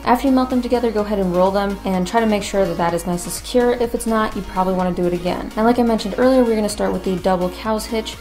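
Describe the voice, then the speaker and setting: Female craft tutorial host, mid-range pitch, informal and chatty instructional narration, music bed behind. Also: racing, few pauses, a little mellow. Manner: informal, conversational.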